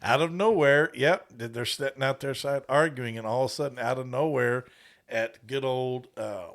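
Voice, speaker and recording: Male podcast co-host, laid-back, curt, crude humor, mid pitch. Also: moderate pace, a bit bright. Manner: laid-back, curt agreements, profane jokes. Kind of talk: casual movie review chat.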